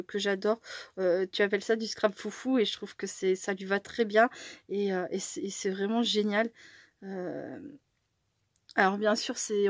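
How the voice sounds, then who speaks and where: A French-speaking woman chatting casually as she opens her mail, easily delighted, laughing often and sometimes dropping to a soft whisper. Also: fairly high pitch, no room sound. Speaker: crafting channel host. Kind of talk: casual chat while opening mail.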